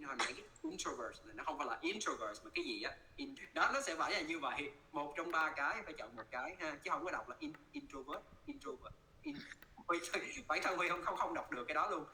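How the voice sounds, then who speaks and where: A man with a Vietnamese accent coaching English pronunciation, repeating words slowly and switching between Vietnamese and English. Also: fairly high pitch, expressive, sharp tone, rough recording. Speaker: English teacher.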